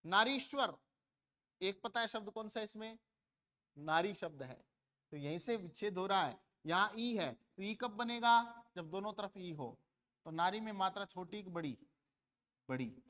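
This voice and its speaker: A man from India teaches a grammar lesson in a high voice. He asks his students questions and answers them himself, repeating words to contrast their sounds. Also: expressive, a little slow, pushed and bright.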